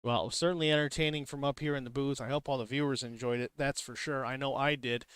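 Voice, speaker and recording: A man calling a sim truck race as booth commentator, energetic and excitable in his play-by-play. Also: medium pitch, quick pace, smooth, no echo. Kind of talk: sim racing broadcast commentary.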